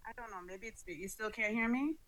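A woman's voice: fairly high pitch, quick pace. A woman in casual chat, calling in over a faulty headset that makes her sound muffled and distant, answering in a laid-back, offhand way. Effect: muffled, distant audio from a faulty call-in headset. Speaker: call-in panelist. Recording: hollow, tunnel-like call audio with loud noise.

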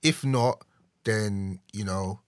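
A man's voice: lowish voice, takes it slowly, no echo, clean studio sound. A young man with a London accent chatting casually and giving opinions in a slangy roadman way. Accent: London, urban slang.

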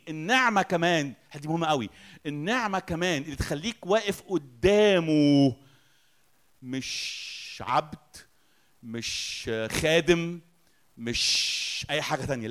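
Egyptian guy preaching a sermon, keeps asking the crowd questions, goes loud then soft. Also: medium pitch. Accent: Egyptian Arabic. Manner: emphatic, asks the audience questions and answers them; swings between loud declarations and soft, quiet lines.

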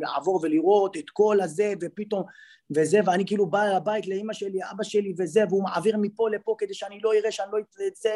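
A man with a fairly high, husky voice spins an animated story as a podcast guest. He keeps stopping to restart and fill gaps mid-sentence, so the talk comes out loose and conversational. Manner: lively storyteller with many fillers and restarts. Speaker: podcast guest, former footballer. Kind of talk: animated anecdote telling in conversation.

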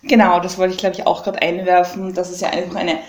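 A young woman with an Austrian German accent hosts a podcast interview. Her voice sits a little low, and she phrases her questions casually and hesitantly, with plenty of fillers. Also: flat delivery, a little fast, a little hiss or hum. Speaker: podcast host.

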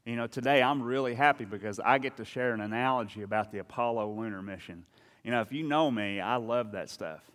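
A man's voice: mid-range voice, fairly quick, fairly bright tone, in a large hall. A man preaching a sermon as a pastor, talking in a conversational, storytelling way with frequent asides and restarts.

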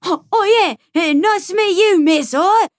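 A woman's voice: extremely high pitch, normal speed, no room sound, studio quality, pitched above the performer's own voice. A woman putting on a bumbling fake British accent. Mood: flustered. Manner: flustered, overdone accent.

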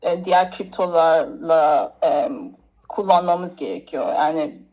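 A woman's voice: deep voice, expressive, a little slow, mellow, rough recording. Hesitant woman from Nigeria chatting. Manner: hesitant, searching for words in non-native Turkish. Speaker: interview guest. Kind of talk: casual interview chat.

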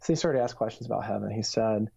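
A man's voice: lowish voice, fast, creaky, dark tone, husky. A man in his thirties gives an earnest, reflective personal testimony in an interview, with frequent fillers. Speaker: author and youth minister. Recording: dull lo-fi recording.

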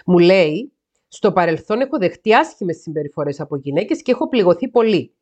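A woman's voice: fairly low pitch, expressive, darkish tone. A woman podcast host reading a listener's letter aloud, breaking in with sarcastic comments. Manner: sarcastic asides between read passages.

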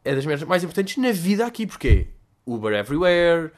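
A young adult man with a European Portuguese accent, telling stories as a podcast host in a slangy, animated way that gets louder when he is excited. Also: a little high, brisk. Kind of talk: casual storytelling monologue.

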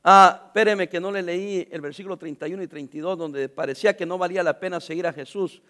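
A middle-aged male pastor, preaching a sermon in church, swinging from loud to quiet and joking with the congregation. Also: high-pitched, fast.

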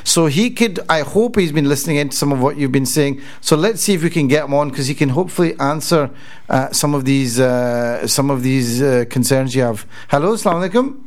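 A man hosting a live radio phone-in in a polite, somewhat halting manner. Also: medium pitch, expressive. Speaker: radio host.

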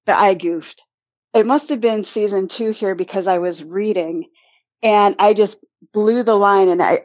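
A woman's voice: medium pitch, a little mellow, dry recording, highs cut off. A woman with a Midwestern accent, a podcast host who is the guest in a casual interview, chatty and laughing often.

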